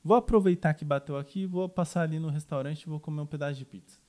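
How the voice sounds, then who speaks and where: A man with a somewhat high voice, telling stories in a casual podcast chat. He acts out the dialogue he quotes, and talks in a relaxed, conversational way into a studio mic. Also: quick pace. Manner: tells anecdotes, acting out quoted dialogue. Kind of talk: casual storytelling.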